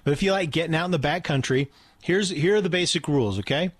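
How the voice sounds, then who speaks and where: A man's voice: fairly high pitch, fast, dry recording. A man co-hosts a casual radio talk segment in a slightly raised voice. He explains things earnestly and repeats his points for emphasis. The recording is dry and close-miked. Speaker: radio co-host.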